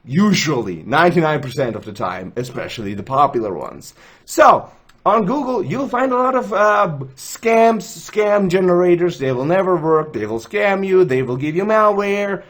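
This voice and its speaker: A young Swiss man with a Swiss accent hosts a gaming tools channel, recording a chatty screen tutorial from a gaming chair in a small indoor room. His voice sits high and fairly bright, with big pitch swings at a normal speed. He jokes at his own expense and gestures as he explains.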